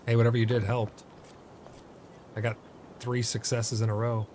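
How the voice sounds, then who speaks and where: A man's voice: medium pitch, flat delivery, moderate pace, darkish tone, a little hiss or hum. A man giving casual gameplay commentary, often exasperated and swearing at his bad luck while crafting. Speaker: gameplay streamer.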